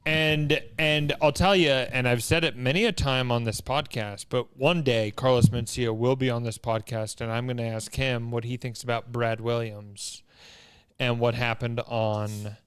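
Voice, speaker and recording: A man hosting a comedy podcast, talking crudely in casual chat, laughing often and repeating words in quick bursts. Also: mid-range voice, steady tone, clear, resonant tone, no echo. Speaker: podcast host.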